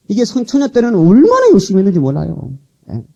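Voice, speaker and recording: A Korean man preaching a revival sermon as pastor, animated, coaxing and scolding his congregation, heard from an old cassette tape transfer. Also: high voice, quick pace, creaky, dull audio. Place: church sanctuary.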